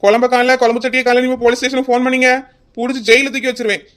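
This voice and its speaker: A man voicing an impatient police inspector in a cartoon. He talks fast in a raised, highish voice and scolds briskly. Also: flat delivery, fairly bright tone, clean tone. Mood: annoyed scolding. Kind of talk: cartoon voice acting.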